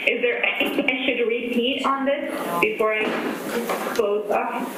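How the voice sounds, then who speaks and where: A woman giving a measured presentation over a video call, with many "um"s and restarts. Her computer-mic audio sometimes breaks up. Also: a little high, far from the mic, a crowd in the background. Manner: measured, many "um"s and self-corrections. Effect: voice over a video call, breaking up at times. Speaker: presenter to a council task force. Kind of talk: remote slide presentation. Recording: very echoey call audio with faint noise.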